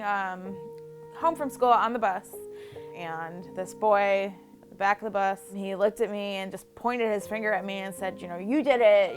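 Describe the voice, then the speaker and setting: A woman in her twenties from the Buffalo area, giving candid, reflective personal testimony for a documentary. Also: medium pitch. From Buffalo area, New York, USA. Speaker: documentary interviewee. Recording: music bed under the voice. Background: background music.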